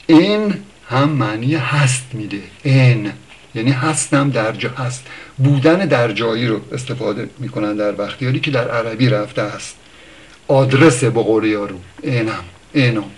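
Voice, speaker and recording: A man giving an informal spoken lesson on word origins. He thinks aloud, pauses often, corrects himself, and lifts his voice for examples. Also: medium pitch. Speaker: language teacher.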